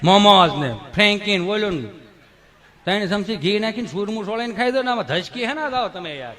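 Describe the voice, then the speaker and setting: A man telling comic folk stories on stage, putting on squeaky voices for other people. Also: expressive, brisk, pushed and bright. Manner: acts out other voices in high squeaky tones. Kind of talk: Gujarati dayro stand-up storytelling to a live audience.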